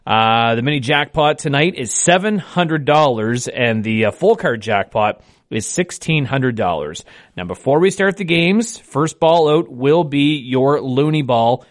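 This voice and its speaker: Male radio bingo caller. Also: mid-range voice. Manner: bingo caller, repeating each number deliberately. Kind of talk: live radio bingo hosting. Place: radio studio.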